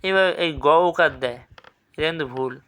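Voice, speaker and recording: Bright-voiced man drilling pronunciation. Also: on the high side, clear, resonant tone. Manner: drills words by repeating them slowly, checks with quick questions. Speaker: teacher. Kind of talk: exam revision class.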